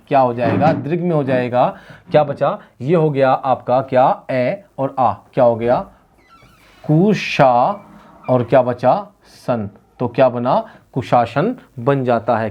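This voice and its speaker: A man teaching Hindi grammar in an exam-prep lecture. He keeps asking rhetorical questions and answering them himself, and he repeats key words slowly. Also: mid-range voice, darkish tone.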